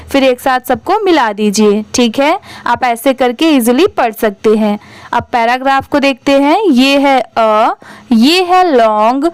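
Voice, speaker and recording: Slow, high-voiced woman teaching phonics. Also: smooth, no room sound. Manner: spells words letter by letter, then blends them slowly; asks and answers her own questions. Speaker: English reading teacher. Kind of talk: spelling-out phonics lesson.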